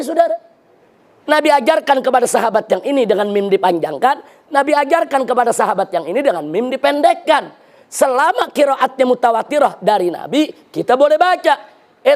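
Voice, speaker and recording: High-pitched emphatic preacher man. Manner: emphatic, repeatedly addressing listeners as brothers. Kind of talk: sermon.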